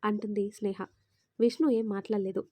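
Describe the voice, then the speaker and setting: A woman's voice: medium pitch, steady tone, brisk, warm tone, no room sound. A young woman narrating an audio story and voicing every character's dialogue herself with light acting.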